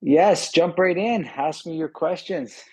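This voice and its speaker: A middle-aged man from Canada, a martial arts instructor, chatting casually in an interview over a video call with an earbud mic, talkative and quick to laugh, often repeating words. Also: fairly high pitch, husky, dry recording.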